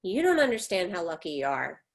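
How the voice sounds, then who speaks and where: In a full character voice that is lowish, brisk and very animated with vocal fry, a woman reads an embittered, defensive middle-aged mother from a stage drama. The mood is bitter and insistent, and her retorts come clipped, emphatic and reproachful.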